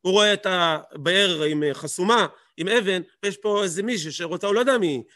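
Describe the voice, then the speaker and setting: High-voiced man teaching a Torah lesson. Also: bright, forceful tone, dry recording, studio quality. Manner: emphatic, asks rhetorical questions and repeats words for stress.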